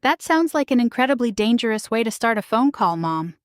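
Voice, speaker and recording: A woman voicing an excited, supportive adult daughter on the phone, eager and quick in a storybook narration. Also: fairly high pitch, no echo, clean studio sound, natural voice. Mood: teasing.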